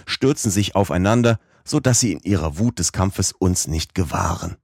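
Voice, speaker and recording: Male audiobook narrator, low register, measured steady delivery, dry close sound. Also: breathy edge, dry recording. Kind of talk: scripted narration of a classic novel.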